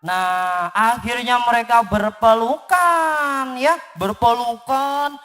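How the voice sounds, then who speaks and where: A woman telling a children's story to a young audience in an animated way, asking the children questions as she goes. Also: a little high, slow pace, soft background music. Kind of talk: storytelling for children at a live event. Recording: long hall reverb.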